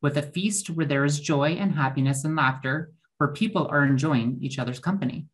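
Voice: mid-range voice, brisk. Speaker asking questions in a sermon. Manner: questioning, conversational reading. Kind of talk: sermon reflection.

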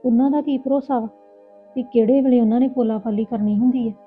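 Outspoken, indignant elder sister with a Punjabi accent, played by a woman. Very quick delivery, lo-fi thin sound with faint music. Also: on the high side, fairly even intonation, husky. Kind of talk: village family drama acting. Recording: tinny phone-like lo-fi with music.

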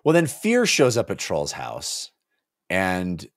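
There's no echo on this recording of a deep-voiced man with huge pitch swings and a slow pace. In his forties, he co-hosts a book club podcast from a small home office, chatting in a casual, animated, emphatic way into a close podcast mic mounted on a boom arm.

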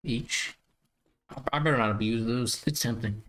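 A man chatting casually while playing a multiplayer game, relaxed and bantering. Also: medium pitch, normal speed, background noise. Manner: laid-back banter, laughs a lot. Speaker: gamer. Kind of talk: casual multiplayer gameplay chat.

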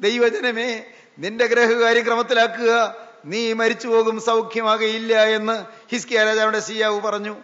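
A male preacher delivers a sermon in a very high voice that barely moves in pitch. He keeps pressing the listeners with one searching question after another. The recording is muffled and lo-fi, with a long reverb. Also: monotone, a little slow, fairly bright tone.

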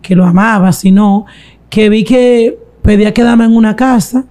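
A woman giving a slow, reflective confessional testimony in an interview. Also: medium pitch, mellow. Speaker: guest telling her testimony.

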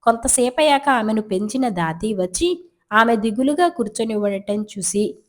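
A woman storyteller reading folk tales aloud at a steady, even pace. Her delivery is scripted and calm, like a read-along storybook. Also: a little high, moderate pace.

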